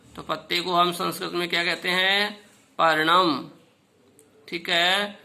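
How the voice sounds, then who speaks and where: Slow, patient male teacher, bright voice. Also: sits high, gravelly. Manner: slow, patient, repeats "ठीक है" often; pronounces words slowly for students to repeat. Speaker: school Sanskrit teacher. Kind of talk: classroom video lesson.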